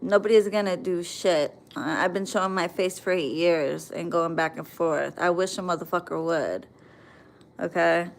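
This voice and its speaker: Fairly low-pitched and gravelly, an American woman talks at a moderate pace during a casual livestream. She goes through viewer comments and answers them bluntly, swearing a lot.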